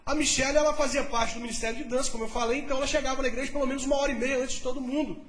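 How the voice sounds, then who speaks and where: A male pastor telling a testimony in a sermon, telling the story in a lively way and speaking to the congregation. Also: very high-pitched, very fast, roomy sound.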